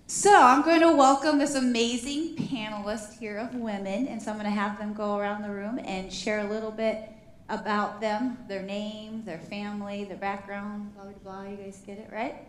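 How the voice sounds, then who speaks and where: A woman in her forties hosting a church women's panel, speaking warmly and getting emotional at times. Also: mid-range voice, steady tone, moderate pace, slight background noise. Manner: warm emotional, chokes up with laughter. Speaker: panel host. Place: church sanctuary. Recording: echoey church hall.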